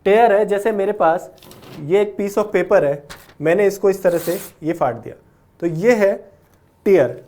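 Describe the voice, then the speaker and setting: A young man explains word roots during a vocabulary lesson, speaking Hindi laced with English and checking in often with "okay?" in a patient way. His high-pitched voice is warm and a little slow.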